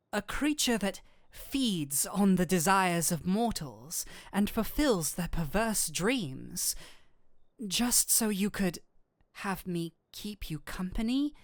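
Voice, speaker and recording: In an intimate audio roleplay, a woman plays a nerdy male incubus demon addressing the listener with formal, theatrical wording in a flustered, courteous, flirtatious way. Her mid-range voice sounds incredulous, captured in clean studio sound with no echo.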